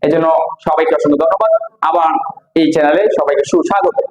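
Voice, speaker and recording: A man with a Bangladeshi accent teaching English pronunciation, repeating words slowly for practice. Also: a little high. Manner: drills words slowly with repetition. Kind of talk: pronunciation lesson. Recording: echoey room with faint noise.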